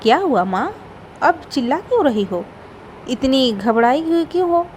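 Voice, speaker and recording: A dutiful young man from a moral story, as a woman narrator reads him. He sounds anxious and earnest with his mother, and his voice stays fairly high. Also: sing-song, normal speed, a little mellow, slight background noise. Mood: worried.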